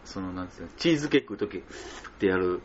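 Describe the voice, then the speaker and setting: 関西弁で語る低めの声の男性、雑音まじりの録音. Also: male voice, deep voice, racing, highs cut off, a little hiss or hum. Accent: Kansai Japanese. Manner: animated, joking, lots of sound effects. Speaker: radio show co-host. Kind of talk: casual chat. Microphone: home recording mic.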